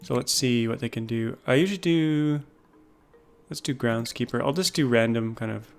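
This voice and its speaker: A man casually talking through a game base, thinking aloud with frequent pauses. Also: medium pitch, fairly even intonation, gravelly, faint music behind. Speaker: gaming YouTuber. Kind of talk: casual gameplay commentary.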